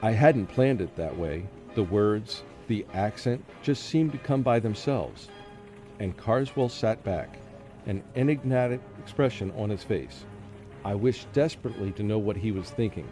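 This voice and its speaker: Tense suspense fills this dramatic first-person radio play narration, with music prominent under the voice. The man playing the lead, a haunted, fearful professor under a deadly curse, speaks in a low, warm, natural voice with lively intonation at a moderate pace.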